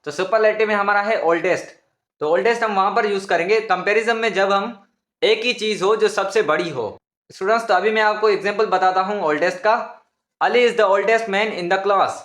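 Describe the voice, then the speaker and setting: High-voiced man teaching grammar in a roomy echo. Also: fairly quick, fairly bright tone. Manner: patient, repetitive, addresses viewers as students. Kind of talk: explanatory classroom lesson.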